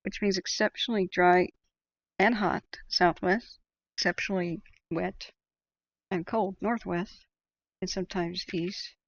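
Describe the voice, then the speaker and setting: An American woman hosting casual live commentary, thinking aloud in a loose, unhurried way and reading out comments. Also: lowish voice, fairly even intonation, no echo. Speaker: livestream host tracking wildfires. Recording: dull, muffled close microphone.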